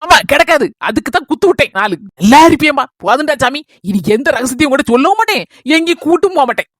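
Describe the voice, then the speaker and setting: A sharp-tongued woman with a Kanyakumari Tamil accent, scolding and nagging through a comic village skit. Her voice is high and she talks quickly. The recording is close and dry. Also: animated, no room sound. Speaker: comedy skit performer.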